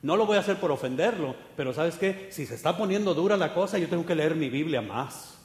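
A man preaching a fervent sermon, swinging from loud exhortation to quiet asides, in an echoey church hall. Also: fairly high pitch, expressive, fairly quick. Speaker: pastor.

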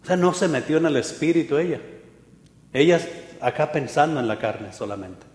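A man's voice: on the high side, lively intonation, normal speed, darkish tone. A male pastor preaching a conversational sermon in a church hall, often asking listeners for agreement. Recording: echoey hall.

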